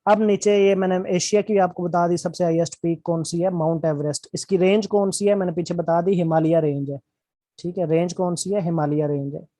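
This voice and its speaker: A man teaching a geography lesson, explaining slowly and repeating key points while checking the class follows. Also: sits high, fairly even intonation, mellow, dry recording. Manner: explains slowly with constant check-ins and repetition. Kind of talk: classroom lecture.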